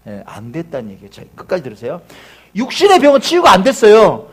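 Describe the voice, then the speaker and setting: A man's voice: sits high, huge pitch swings, fast, slightly rough. A male pastor preaching a sermon, telling a story animatedly with rhetorical questions.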